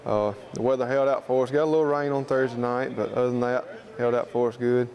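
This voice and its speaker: A man's voice: medium pitch, fairly even intonation, fast, darkish tone. A man with a Southern US accent giving an informal interview, explaining things in a plain-spoken, folksy way. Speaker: student club president being interviewed.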